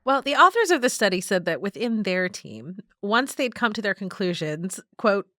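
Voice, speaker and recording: A woman's voice: medium pitch, expressive, moderate pace, fairly bright tone, dry recording, clean studio sound. A woman reporter explains a science story in a casual, hedging, explanatory way.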